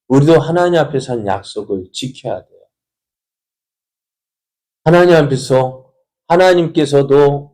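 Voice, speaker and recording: A man's voice: medium pitch, a little mellow. A male pastor giving an early-morning sermon, often putting rhetorical questions to the congregation. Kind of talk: dawn prayer sermon.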